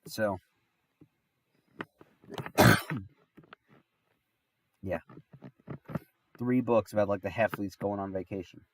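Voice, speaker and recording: A man's voice: on the low side, fairly even intonation, slow pace, pauses often, darkish tone, far from the mic, a little hiss or hum. A man with a stuffy nose from being sick, telling a rambling story on a livestream, full of restarts and fillers. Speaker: streamer.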